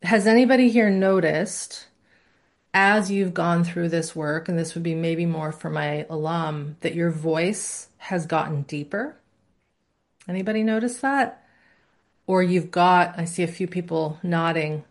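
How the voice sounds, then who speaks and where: A course instructor with a lowish voice teaches a live class at a measured pace. She keeps it conversational, often checking in with students, asking the class questions and demonstrating voices.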